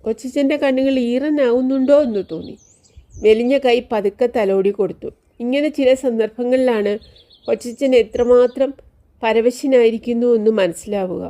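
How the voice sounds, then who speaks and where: A woman narrating a novel aloud in a calm, measured reading voice. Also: fairly high pitch. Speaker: audiobook reader.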